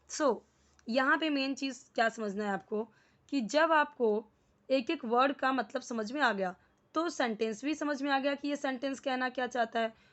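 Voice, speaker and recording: A woman teaching English in Hindi, explaining sentences slowly word by word and mixing English words into her speech. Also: high voice, lo-fi sound. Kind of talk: spoken English lesson in Hindi.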